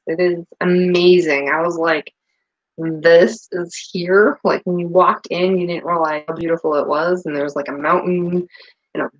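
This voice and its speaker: Making soap in her home kitchen, a middle-aged New England vlogger chats in a rambling way with lots of filler words. Her voice is low-pitched, and the recording has a dull quality.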